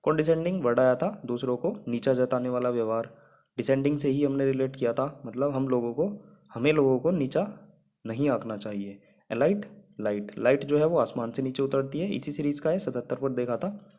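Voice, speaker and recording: A man's voice: medium pitch, a little fast, a little mellow. A young man teaching English vocabulary in Hindi. He explains each word patiently and builds a memory trick around it.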